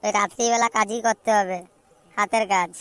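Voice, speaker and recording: A woman doing a loud mocking young man, cartoon, swearing banter, monotone delivery. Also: mid-range voice, quick pace, no echo, natural voice. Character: mocking young male friend, crude and teasing. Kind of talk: cartoon voice acting.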